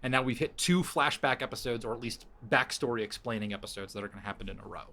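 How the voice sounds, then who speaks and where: A man hosting a podcast, pitching story ideas in casual chat to his co-hosts, thinking aloud with frequent restarts. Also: fairly even intonation, fast talker, pushed and bright.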